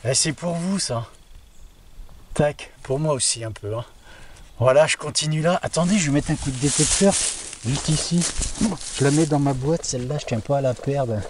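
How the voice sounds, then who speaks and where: Faint noise and a distant outdoor mic capture a man with a fairly high pitch metal detecting by woods near a castle. Chatting to viewers as he goes, he bursts into delighted exclamations and keeps slipping in little fillers like "hein."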